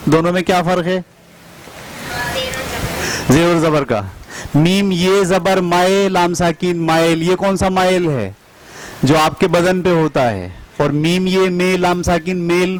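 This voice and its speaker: A man's voice: on the high side, poor audio. A man giving a classroom lesson, drilling sounds by spelling them out letter by letter and repeating words. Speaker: teacher trainer. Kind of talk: classroom instruction.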